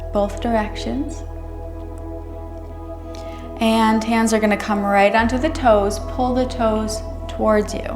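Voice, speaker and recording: Female yoga instructor, slightly high voice, careful and unhurried guidance, roomy sound. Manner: careful, unhurried, measured delivery. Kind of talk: guided chair yoga instruction. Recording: roomy echo, music underneath. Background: music.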